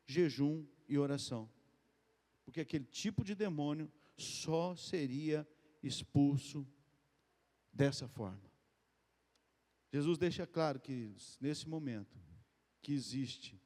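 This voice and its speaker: Guy preaching in a church, talks kinda high and chatty, lots of reverb from the hall. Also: takes it slowly, long pauses. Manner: conversational, addresses the congregation as "queridos" and "gente"; lively, often rises in pitch and speeds up. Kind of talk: sermon.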